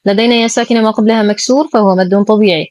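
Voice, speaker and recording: A woman teaching Quran recitation, stretching out each model word slowly and precisely before explaining the rule in a quicker, matter-of-fact voice. Her voice sits at a middle pitch and sounds dry and close, with no room around it. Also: steady tone, darkish tone, no room sound. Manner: precise, slow drawn-out modeling of syllables between brisk explanations. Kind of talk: tajweed lesson with slow model recitation.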